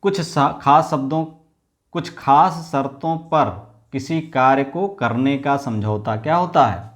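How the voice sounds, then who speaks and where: A man's voice: medium pitch, takes it slowly. A man teaching an exam-prep lesson, asking questions and then answering them himself while repeating the key words.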